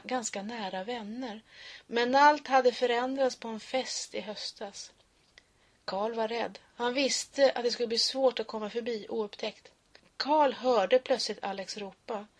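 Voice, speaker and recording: A woman reads her poems and a story aloud. Her voice sits a little high and sounds husky and breathy. She keeps it soft and often sinks to a whisper. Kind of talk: reading poems and stories aloud.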